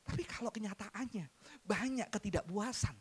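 A man preaching a sermon to his congregation, animated and joking, mixing in English phrases. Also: high voice, moderate pace, slightly rough. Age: adult, father. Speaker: pastor.

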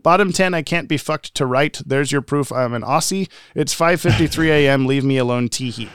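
Sex: male. Role: podcast co-host. Style: casual, playful chat, reading out comments. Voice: smooth and resonant, medium pitch. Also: fairly quick, dry recording, studio quality. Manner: playful, laughs often.

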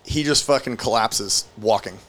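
A man's voice: lowish voice, moderate pace, a bit bright, a little hiss or hum. A young man hosting a podcast, telling a story in casual, profane talk full of "like". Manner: rambling, profane, lots of "like". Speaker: podcast host.

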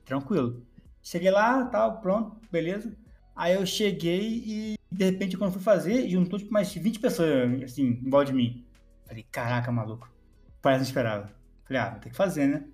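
A man's voice: on the high side, moderate pace, a little mellow, soft background music. Young man bantering playfully. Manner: playful, mock-indignant banter. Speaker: podcast co-host. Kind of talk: casual chat.

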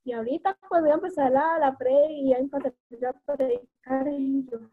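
A woman's voice: high voice, moderate pace, no echo. A woman giving an informal devotional talk with personal stories, rambling and correcting herself as she goes. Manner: rambling, with many fillers and self-corrections. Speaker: lay preacher. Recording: tinny phone-like recording.

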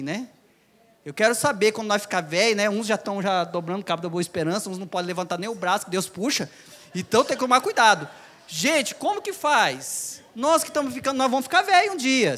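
A man's voice: high voice, sharp tone. A man with a Brazilian Portuguese accent preaching a sermon in a church. He talks animatedly, repeats his phrases and calls out to the congregation. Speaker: lay preacher.

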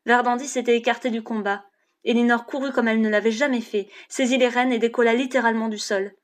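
A woman narrating an audiobook chapter in a steady, measured reading. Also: a little high.

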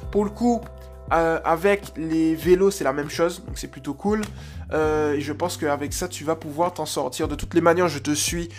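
Dog trainer, casual chatty coaching, mid pitch, faint music behind. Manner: chatty, loose, full of fillers and restarts. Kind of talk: casual spoken coaching advice.

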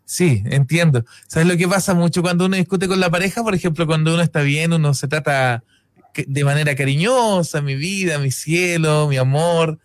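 A man's voice: on the high side, fairly quick. A man, hosting an interview in a conversational way, summing up and checking in with his guest. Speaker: host.

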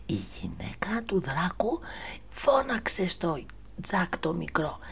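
A woman telling a fairy tale to children in a soft, half-whispered voice, often speaking to them directly. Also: on the low side, big pitch swings, gravelly, slight background noise. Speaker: storyteller reading to children. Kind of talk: children's story narration.

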